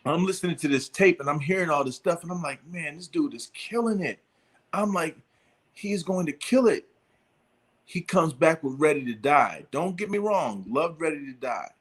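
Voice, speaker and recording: A man's voice: a little high, animated, normal speed. Rambling middle-aged man telling a story. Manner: rambling storyteller with many fillers and restarts. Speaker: podcast host. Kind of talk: casual chat.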